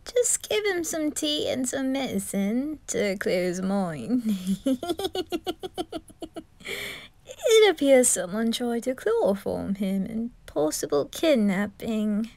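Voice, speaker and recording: An eccentric, creepy male undertaker, as a woman puts him on for a fan audio drama. He talks slowly and playfully, breaking into high cackles, with a mellow, dark-toned voice. The sound is close and dry. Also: very animated, creaky, no room sound, full character voice. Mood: amused. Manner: giggly, playful, cackling laughs. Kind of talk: fan ASMR roleplay.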